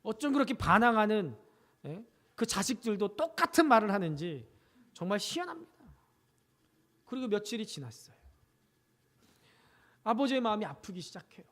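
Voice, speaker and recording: A woman pastor preaching, telling a story with rhetorical questions and acted-out quotes. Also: a little high. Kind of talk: sermon. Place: church sanctuary. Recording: long reverb of a church sanctuary.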